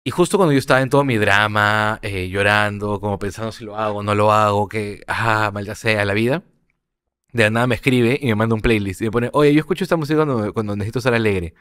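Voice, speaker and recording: Soft, smooth-voiced young man. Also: lowish voice, fairly even intonation. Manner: halting and reflective, repeats words as he searches for them. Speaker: podcast guest. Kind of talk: personal storytelling in a podcast conversation.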